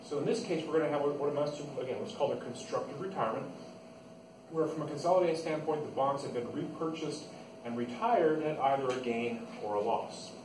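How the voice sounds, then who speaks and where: A male accounting instructor teaches an informal class, going step by step and repeating the main points. He talks briskly in a mid-range voice, picked up by a distant mic in an echoey, noisy room.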